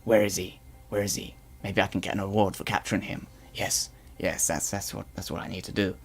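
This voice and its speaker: Over soft background music, a man roleplays in character on a live stream chat as a boastful male Slig guard now working as a propaganda newscaster. His voice sits low and flat, and he talks briskly. He's blustery, rambling and stammering through restarts in a strange put-on accent.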